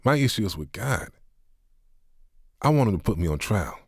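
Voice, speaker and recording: A worn-down, grieving man who turns his pain into defiant, self-pitying sarcasm, played by a man. The voice is deep and recorded close with no room sound. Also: big pitch swings, moderate pace, gravelly, slightly rough, no echo, exaggerated voice. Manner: bitter, half-hearted sarcasm.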